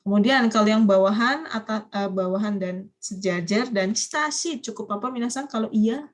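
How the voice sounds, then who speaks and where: A woman's voice: medium pitch, moderate pace. A woman teaching a university Japanese class online, prompting students to finish each phrase. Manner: coaxing students to complete phrases. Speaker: Japanese language lecturer.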